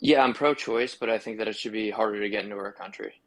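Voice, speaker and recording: A man's voice: on the low side, fast talker, poor audio. A man in his twenties calling into a livestream debate, hesitant and full of fillers. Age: 20s. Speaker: caller.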